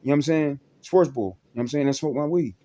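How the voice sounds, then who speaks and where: A man's voice: on the high side, fast talker, warm tone. A man talking to the camera in a rambling, profane personal monologue, repeating himself and restarting sentences, with "you know what I'm saying" over and over. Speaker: vlogger.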